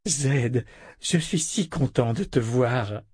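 A man's voice: mid-range voice, expressive, slow pace, a little mellow, slightly rough, no echo. A man voicing a blunt, fierce young swordsman in a firm, clipped manner close to his own voice.

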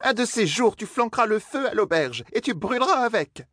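A man's voice: on the high side, lively intonation, moderate pace, no echo, voice pushed up. A fussy, clucking innkeeper woman, voiced by a male audiobook reader, scolding her staff in a bustling flurry. The voice is pushed well above his own, and the recording is close and dry. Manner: scolding, clucking like a flustered mother hen. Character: fussy bustling middle-aged female innkeeper. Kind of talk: audiobook character voice.

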